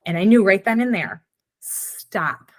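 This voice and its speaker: A woman's voice: mid-range voice, normal speed. Forties woman, podcast host, reflective and conversational, voices her own inner thoughts. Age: 40s. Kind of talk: casual chat.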